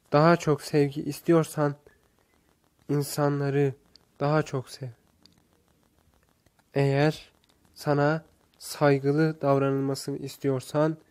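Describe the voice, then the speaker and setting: A man voicing a calm, wise old male master who gives instructive lessons in earnest, slow speech. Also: fairly high pitch, clear, resonant tone.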